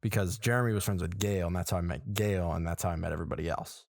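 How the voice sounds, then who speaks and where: This podcast co-host, a man in his twenties, talks fast in a low-pitched voice with vocal fry. Chatting casually in a small room, he spins animated stories and acts out how people reacted.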